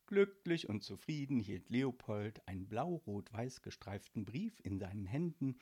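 A man narrating a children's audiobook in a playful, expressive way. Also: fairly low pitch, a little slow, husky.

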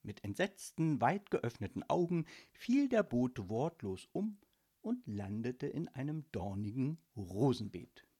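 A man's voice: medium pitch, very animated, measured pace, mellow, husky. Playful man narrating a children's story.

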